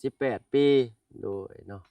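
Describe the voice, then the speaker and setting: A man's voice: a little slow, mellow, no room sound. A man with a northeastern Thai Isan accent narrating a casual vlog outdoors in a village, chatting with the people he meets and addressing his viewers as brothers and sisters. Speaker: vlogger. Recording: dry sound, voice at a distance from the mic.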